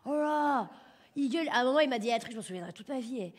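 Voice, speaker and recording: Here a female comic plays a boastful, foul-mouthed working-class mother in a stand-up bit, rambling along with plenty of filler words and swearing. Her slightly high voice is animated and quick. It comes across as brash, coarse and wandering.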